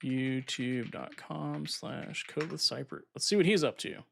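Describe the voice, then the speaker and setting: At a measured pace, a mid-range male voice with vocal fry hosts an easygoing live stream over a little hiss or hum. He thinks aloud as he sets up software at his computer, a bit nasal and slightly congested while recovering from being sick.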